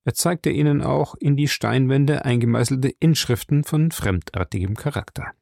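Man, audiobook narrator, measured narration, gravelly voice, dry close recording. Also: mid-range voice, dry recording. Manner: even, measured storytelling. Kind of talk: scripted narration.

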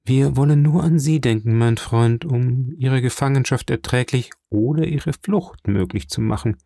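A man voicing a dying old priest in an audiobook, slow, earnest and fatherly, weak and failing. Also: medium pitch, gravelly, warm tone, no room sound, natural voice. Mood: urgent. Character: dying old male priest, gentle and solemn. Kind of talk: audiobook character reading.

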